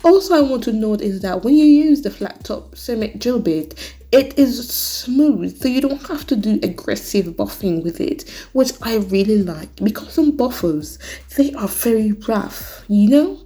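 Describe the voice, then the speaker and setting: A woman's voice: fairly high pitch, expressive, unhurried, warm tone. A woman narrating a casual nail tutorial, clumsily switching accents as her put-on British accent slips into American. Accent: put-on British, slipping into American.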